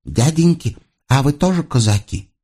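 A man's voice: medium pitch, lively intonation, moderate pace, dark tone, breathy edge. A man voicing a chatty, naive little Cossack girl who talks innocently.

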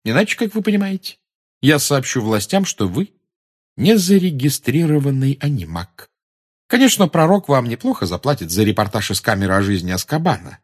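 A man reading an audiobook, voicing a clever, cool-headed schoolgirl who speaks calmly and pointedly. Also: mid-range voice, a little fast, breathy edge, voice pushed up. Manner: calm, pointed, sarcastic.

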